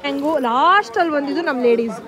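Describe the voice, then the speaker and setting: Outdoors at a crowded pilgrimage camp, with crowd chatter in the background, a woman with a high voice vlogs quickly about her walking pilgrimage. She's chatty and teasing, switching between Kannada and English as she narrates her casual travel vlog.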